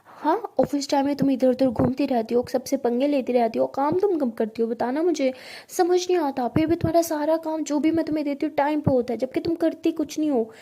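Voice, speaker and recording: Brief: a woman playing a strict young senior coworker, high but mellow voice, curt and scolding. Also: a little fast, close to an everyday voice.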